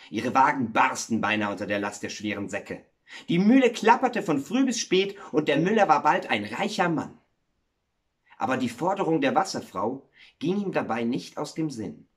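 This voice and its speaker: A male stage actor reading a fairy tale aloud for children, expressive and slowing down for effect. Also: mid-range voice.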